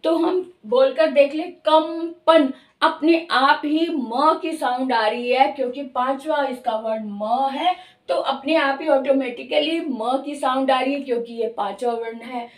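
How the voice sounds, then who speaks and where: A woman teaching Hindi grammar, explaining slowly and drawing out each sound she demonstrates. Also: high voice, reverberant, recorded from a distance. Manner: slow, careful, drawn-out demonstration of sounds. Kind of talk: explanatory lesson.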